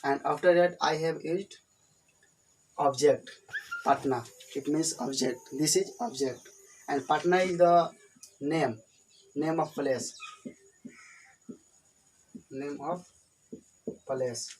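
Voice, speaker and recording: A man with an Indian accent, whose first language is Hindi, teaches an English grammar lesson at a whiteboard, restating his points in plain, repetitive terms. His voice sits fairly high and he speaks slowly with long pauses. The low-quality recording carries a slight hiss or hum.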